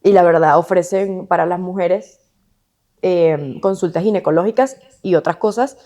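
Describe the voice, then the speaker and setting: A Venezuelan woman co-hosting a casual podcast, telling stories in a slangy, lively way full of quoted asides. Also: fairly low pitch, normal speed. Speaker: podcast co-host.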